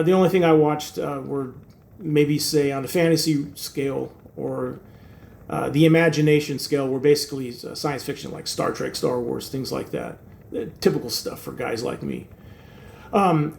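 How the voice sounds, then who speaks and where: This man's voice is slightly high, gravelly and a bit mellow. He's in his sixties, grew up in Turkey as a native Turkish speaker, and hosts his own channel, chatting casually to camera in a rambling monologue full of fillers and wry, self-deprecating humor.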